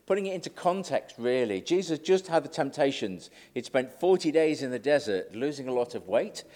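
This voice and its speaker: A man's voice: fairly low pitch, darkish tone. A middle-aged man giving a conversational, self-deprecating sermon. He says he is slightly nervous. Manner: chatty, self-deprecating, acts out quotes. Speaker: lay preacher.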